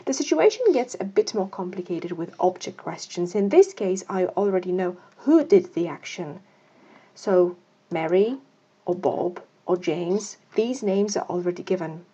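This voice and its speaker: A woman teaching a grammar lesson in a mellow, husky voice. She explains patiently, step by step, and reads example sentences aloud. The recording sounds dull and lo-fi. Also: lowish voice, expressive, unhurried. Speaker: English teacher.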